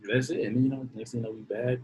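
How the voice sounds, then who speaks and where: A man in his twenties, a podcast guest in casual chat, laid-back and slangy and quick to poke fun at himself. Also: mid-range voice, little pitch movement, mellow, a little hiss or hum, low-quality recording. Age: 20s.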